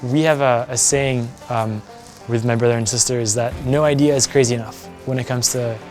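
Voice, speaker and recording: A man's voice: mid-range voice, steady tone, a little fast, darkish tone, soft background music. A young man from France, earnest and talking in an interview as an activist, with frequent fillers and restarts. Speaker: guest, environmental activist. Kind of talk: conversational interview.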